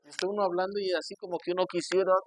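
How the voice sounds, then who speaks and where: A man preaching as a pastor, telling stories and acting out his church members' voices, swinging from hushed storytelling to loud emphatic preaching. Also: high-pitched, flat delivery, very fast, slight background noise, poor audio. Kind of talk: sermon.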